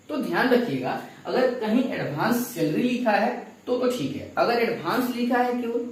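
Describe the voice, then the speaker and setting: Man, teacher, lively up-and-down delivery, very echoey room, mic set far off. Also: high-pitched. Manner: explaining step by step with questions to students. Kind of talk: classroom lecture.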